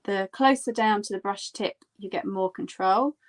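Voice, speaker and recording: A woman with a medium-pitched voice leads a hands-on painting lesson. She instructs gently and encouragingly, guiding learners step by step in a casual, informal way. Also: normal speed. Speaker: art instructor. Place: indoors at a tabletop.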